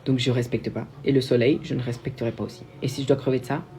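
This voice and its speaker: A young Belgian man hosts a casual livestream, answering viewer questions in a chatty, self-mocking way and often restarting his sentences. His mid-range voice is level and a little mellow, he talks quickly, and there's a little hiss or hum.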